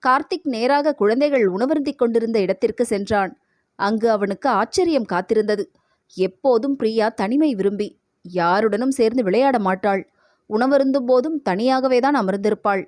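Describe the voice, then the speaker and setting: A woman, a radio host, narrating an audio novel in a steady, measured voice, recorded close to a studio microphone. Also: a little high, no room sound.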